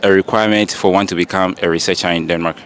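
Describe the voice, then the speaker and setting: A man's voice: low-pitched, fairly even intonation, quick pace, a bit bright. A man hosting a casual street interview vlog outdoors, asking short friendly questions. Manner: friendly, brief prompting questions. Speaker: street interviewer and channel host.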